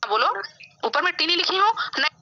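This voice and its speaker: High bright-voiced woman teaching grammar. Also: lively intonation. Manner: explains slowly, keeps asking "है ना?". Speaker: English teacher. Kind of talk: classroom grammar lesson. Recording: dull lo-fi sound.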